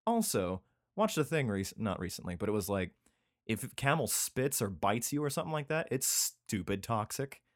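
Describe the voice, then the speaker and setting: A man's voice: lowish voice, big pitch swings, moderate pace, dry recording, clean studio sound. A man reading scripture aloud in an irreverent, profane way, breaking off into rambling casual asides. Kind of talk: casual comedic reading and chat. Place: indoor room with a cat.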